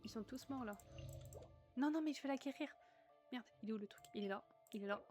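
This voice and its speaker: A woman's voice: on the high side, brisk, soft background music. A woman from northern France chatting casually with her viewers while playing a game on a livestream. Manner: chatty, reads chat aloud, sudden excited outbursts. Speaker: streamer. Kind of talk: casual gaming livestream chat.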